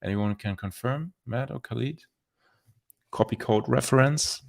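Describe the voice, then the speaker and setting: A man presenting a software demo on a live stream, explaining features as he thinks aloud with many restarts and fillers. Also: mid-range voice, a little slow, gravelly. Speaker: developer presenter.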